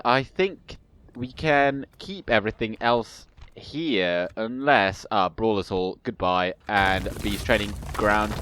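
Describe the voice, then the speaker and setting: Playing a strategy game for his gaming video, a young man congested with a cold chats casually, drifting and often correcting himself. His medium-pitched voice is clear, resonant and fairly bright. No echo is present.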